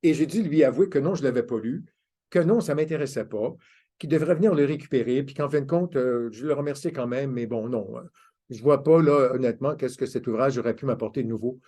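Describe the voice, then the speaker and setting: A man's voice: medium pitch, brisk, mellow. Older Québécois man telling a story. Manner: anecdotal, self-mocking, with colloquial asides. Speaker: conference speaker. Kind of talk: storytelling lecture.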